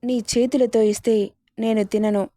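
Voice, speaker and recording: An angry young husband from a storybook , read out by a woman, clipped and threatening. He snaps his words in a mellow, slightly high voice, recorded close and dry. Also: steady tone, a little slow, no room sound, close to an everyday voice. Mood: cold. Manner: curt and threatening.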